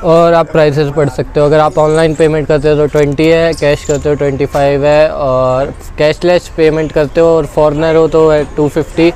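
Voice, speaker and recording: Walking through an open fort ruin outdoors, a male travel vlogger from India in his twenties talks to viewers informally, addressing them as "brother." His fairly high voice is flat and a little mellow, moving at a moderate pace with hardly any pauses. The lapel-mic recording is clear, with outdoor noise in the background.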